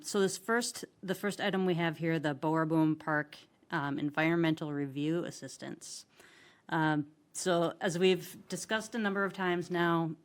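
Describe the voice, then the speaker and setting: Low-voiced woman presenting council business. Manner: halting, many filler ums and restarts. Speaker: assistant city administrator. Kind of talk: presenting agenda items at a city council meeting.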